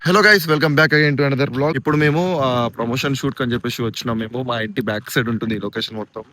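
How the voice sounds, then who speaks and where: A young man talks fast in a casual vlog, bossing and teasing a friend through retakes. His pitch sits in the middle, neither high nor low. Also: music in the background. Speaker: vlogger.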